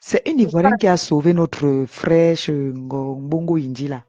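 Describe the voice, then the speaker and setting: Cameroonian woman host, low and husky, opinionated casual chat, dull lo-fi sound. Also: measured pace, warm tone. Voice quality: deep voice. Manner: emphatic, opinionated storytelling.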